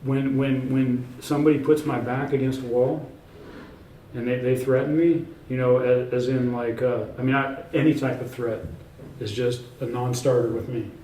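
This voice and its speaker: A man being interviewed about his own work, talking in a loose, rambling way full of fillers and restarts but sure of himself and emphatic. His voice is mid-pitched and mellow. He sits a little back from the mic in an echoey indoor room, with a faint hum of ambience behind him. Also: fairly even intonation, normal speed, recorded from a distance. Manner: emphatic, self-assured. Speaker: author and researcher, interview guest. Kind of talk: casual in-person interview.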